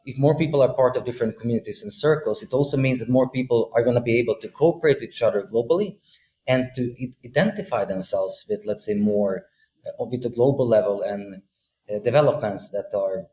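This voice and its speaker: A Bosnian man in his thirties, appearing as a podcast guest over a video call, thoughtfully explains his ideas in conversation, with lots of fillers and restarts. His voice is medium in pitch, a little fast, and dark in tone. He sits in a room with a window, and the call audio sounds roomy with a faint hum.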